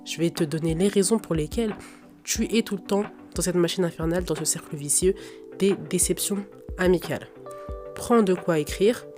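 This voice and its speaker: A woman's voice: fairly low pitch, moderate pace, mellow. A young woman hosting a podcast with a blocked nose and a cold, giving direct, informal advice straight to the listener. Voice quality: congested, blocked-nose nasal voice. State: sick with a cold and sore throat. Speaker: podcast host. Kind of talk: casual advice monologue to listeners. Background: faint background music.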